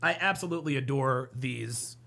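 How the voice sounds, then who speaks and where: A man's voice: mid-range voice, moderate pace, creaky, sharp tone. A man commenting live on a dating show clip, joking and repeating himself as he reads out viewer comments. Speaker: streamer reacting to a dating show. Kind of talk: live stream reaction commentary.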